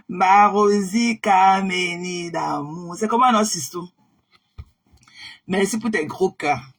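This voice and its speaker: Husky woman chatting on a live stream. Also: lowish voice, slow. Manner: chatty, greets viewers, repeats herself. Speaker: livestream host. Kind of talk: casual live-stream chat.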